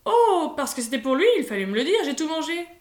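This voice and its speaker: A woman's voice: high voice, very animated, brisk. A woman voicing a playful middle-aged uncle who teases and jokes, with a roomy echo around her. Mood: joking. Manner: teasing, jokey.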